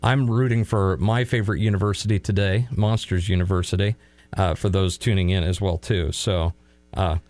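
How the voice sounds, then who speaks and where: A man's voice: deep voice, fairly even intonation, normal speed, darkish tone, no echo, soft background music. A man co-hosting a local sports talk show, chatting casually with playful sarcastic asides.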